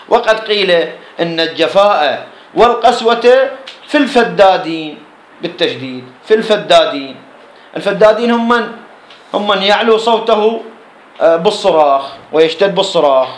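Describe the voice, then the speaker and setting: A fairly high-voiced man with an Iraqi Arabic accent teaches Islamic jurisprudence, quickly explaining a text line by line in a classroom lecture. He asks questions and answers them himself, and the room echoes.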